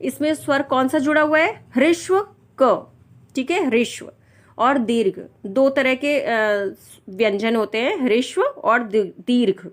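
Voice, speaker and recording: Slow, patient woman teaching pronunciation. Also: sits high, expressive. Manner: patient, repeats and stresses pronunciations. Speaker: Hindi language teacher. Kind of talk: slow explanatory lesson.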